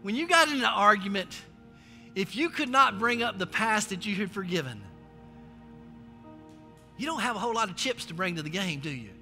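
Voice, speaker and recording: With lively intonation, a moderate pace and long pauses, a middle-aged American man preaches in a high-pitched, bright, forceful voice, exhorting emphatically and repeating phrases to drive them home. He's amplified on a large indoor church stage, captured with echoey hall reverb and faint music.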